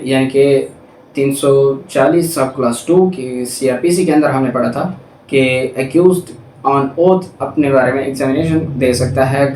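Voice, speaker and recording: A man lectures on legal articles, recorded from a distance in an echoey room with a slight hiss or hum. His mid-range voice is a little mellow. This Pakistani law lecturer teaches didactically, switching between Urdu explanation and English legal terms.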